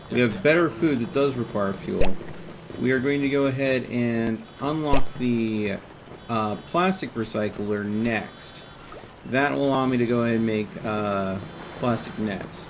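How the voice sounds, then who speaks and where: A game streamer with a mid-range voice offers casual live commentary while he plays, thinking aloud and talking to himself and the game. Game music plays behind him as background noise.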